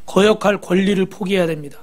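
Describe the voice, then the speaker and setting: High-voiced man preaching a sermon. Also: fast talker. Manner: exhorting, asks the congregation to repeat after him; rhetorical questions to the congregation. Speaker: pastor.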